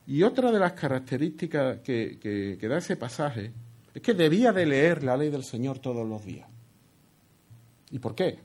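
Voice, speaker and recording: A husky, darkish voice of medium pitch delivers a sermon in a sing-song way at a moderate pace. The preacher explains a Bible passage, asking rhetorical questions and tagging "¿no?" often, into a headset earpiece microphone.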